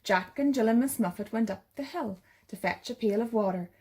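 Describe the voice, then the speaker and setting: Female bedtime story narrator, slightly high voice, gentle sleep-story delivery for young children. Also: a little fast, slightly rough. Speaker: bedtime story reader for a primary school.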